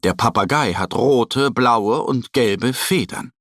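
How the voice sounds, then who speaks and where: A man narrating a children's story in a slow, gentle, expressive way. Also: medium pitch, dry recording, clean studio sound.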